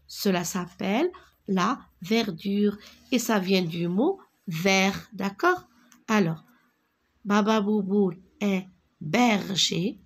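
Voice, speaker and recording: Slow, gravelly-voiced woman teaching children to read. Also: mid-range voice. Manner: slow and deliberate, repeating words and sounding out syllables; drops to a whisper on single words. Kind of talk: slow reading lesson for young children.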